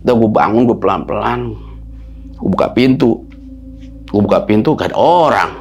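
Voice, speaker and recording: A man, telling a story as a guest in a halting, repetitive way that sometimes sinks to a hushed whisper. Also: fairly low pitch, animated, slight background noise. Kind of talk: casual storytelling.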